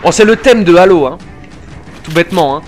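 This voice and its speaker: A man hosting a gameplay video, chatty and excitable, peppering his casual commentary with slang, swearing and fillers. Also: high voice, brisk, faint music behind. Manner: many fillers while explaining.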